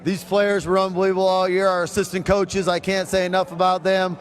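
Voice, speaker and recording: A male football coach with a high voice gives a post-game interview on an outdoor field. He talks plainly and colloquially. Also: level tone, a little fast.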